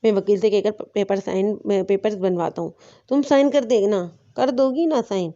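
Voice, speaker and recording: A woman's voice: medium pitch, warm tone, highs cut off, close to an everyday voice. A woman voicing a scheming young husband who sweet-talks his wife. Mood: coaxing. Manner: sweet-talking, persuasive.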